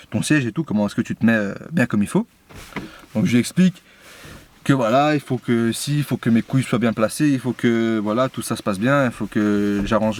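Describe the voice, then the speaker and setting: A young man, telling a personal story in a slangy, indignant way with lots of fillers. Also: mid-range voice. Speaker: YouTuber. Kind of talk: casual story time.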